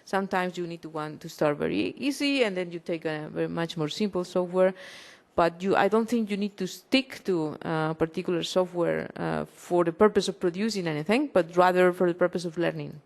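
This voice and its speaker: Low-pitched woman wrapping up a panel, kinda halting, lots of uh's. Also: gravelly. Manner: hesitant, many fillers and restarts. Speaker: panel facilitator. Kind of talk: closing summary at a conference panel.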